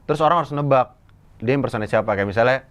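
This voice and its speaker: A man's voice: medium pitch, racing. A young man, a guest comedian and impressionist, chatting casually and acting out the voices of people in his stories. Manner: animated storyteller who acts out quoted voices. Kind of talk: casual chat.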